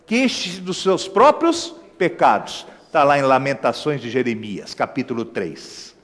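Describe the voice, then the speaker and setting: A man's voice: medium pitch, very animated, measured pace, a bit bright. A man with a Brazilian Portuguese accent preaching a sermon as pastor, emphatic, throwing rhetorical questions and asides to the congregation. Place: church. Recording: echoey church hall reverb.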